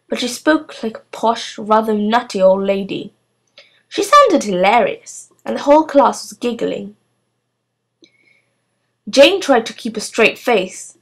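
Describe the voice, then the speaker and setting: A woman reads a children's novel aloud, narrating at a steady pace. Her voice sits at an ordinary middle pitch, and her delivery is clear and measured. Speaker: storybook reader.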